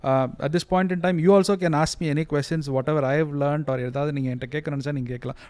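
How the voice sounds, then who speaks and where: A man with a Tamil Indian accent interviews at a very rapid clip in a slightly high voice. He is deferential and effusive, quick to agree, and the sound is dry and close. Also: steady tone, darkish tone, clear, resonant tone, no echo. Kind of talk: conversational interview.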